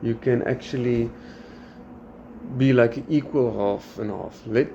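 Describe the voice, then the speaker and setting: Speaking a little slowly in a gravelly, medium-pitched voice, this Afrikaans-speaking South African man hosts a podcast in a casual, chatty way. He animatedly quotes his students, performing their lines, over slightly dull audio with faint background noise.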